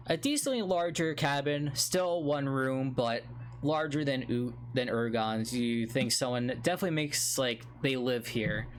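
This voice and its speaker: A man narrating a tabletop game as game master, relaxed, with many fillers and laughs. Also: mid-range voice, slight background noise. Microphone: home mic on a live stream.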